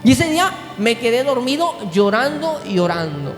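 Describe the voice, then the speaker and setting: A pastor preaching a sermon, moving from low, intimate tones up to shouted climaxes. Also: male voice, big pitch swings, normal speed. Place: large church hall. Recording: echoey hall with music behind.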